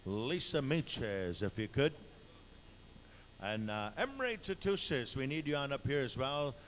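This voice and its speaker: A man working as a powwow emcee, announcing live in an informal, halting way and drawing out the names he calls. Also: medium pitch, expressive, fairly bright tone. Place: powwow dance arena. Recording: noisy live event PA announcement. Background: clear event noise and ambience.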